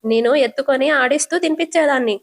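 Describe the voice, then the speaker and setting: A woman's voice: sits high, fast, lightly acted. A woman voicing a polite, sweet-talking young daughter-in-law.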